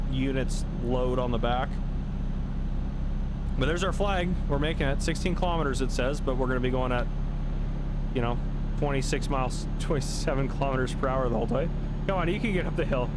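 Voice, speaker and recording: A young man in a relaxed, talkative mood, narrating his gameplay in a medium voice. He rambles and second-guesses himself with easy humor. Steady engine noise from the game runs clearly underneath him. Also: medium pitch. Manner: chatty, self-deprecating, thinks aloud. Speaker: gaming channel host. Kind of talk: casual gameplay commentary.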